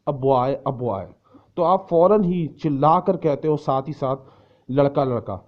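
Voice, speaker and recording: A man teaching English who speaks slow, careful English lines and then explains them quickly, sometimes acting out the shouted answers. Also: a little high. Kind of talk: explaining in a lesson, switching between slow English lines and fast Urdu explanation. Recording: dull lo-fi recording.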